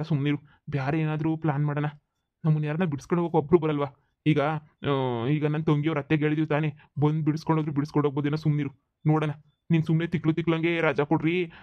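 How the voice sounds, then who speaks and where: A man's voice: a little high, dry recording, natural voice. A man voicing a doubtful, exasperated young man in a cartoon comedy, arguing back. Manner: skeptical, argues back. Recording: slightly dull lo-fi sound.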